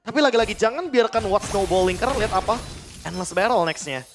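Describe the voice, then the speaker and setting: A man's voice: high voice, expressive, fast. A man with an Indonesian accent giving analytical esports caster commentary. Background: music.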